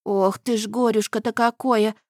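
A woman's voice: a little high, fairly even intonation, normal speed, darkish tone, dry recording, studio quality. A woman voicing a doting, stout old nanny who fusses and laments over her charge. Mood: fussing. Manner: lamenting, fussing.

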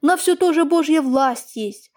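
A woman's voice: high voice, lively intonation, normal speed, a little mellow, voice pushed up. A woman reading an audiobook, voicing an older peasant man who speaks plaintively and deferentially. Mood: sorrowful. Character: older peasant man, meek, sorrowful, fawning.

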